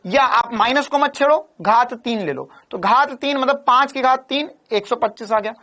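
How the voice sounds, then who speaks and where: A man's voice: extremely high pitch, moderate pace, pushed and bright. A male physics teacher giving an online coaching class, repeating phrases and firing questions at his students. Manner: keeps asking viewers to confirm and give a thumbs up.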